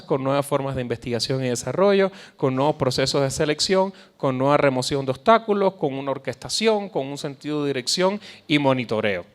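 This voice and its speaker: Man lecturing in Caribbean Spanish accent. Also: on the high side. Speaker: guest speaker, cultural policy researcher. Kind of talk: public lecture addressing an audience.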